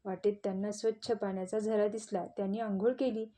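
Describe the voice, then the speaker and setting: A woman narrating a children's audio story in a gentle, expressive storytelling manner. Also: mid-range voice, brisk.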